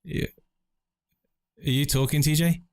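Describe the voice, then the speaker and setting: A man's voice: a little high, steady tone, measured pace, a little mellow, no echo. A laid-back man co-hosting a casual live audio chat, talking in slangy speech and reading out audience questions.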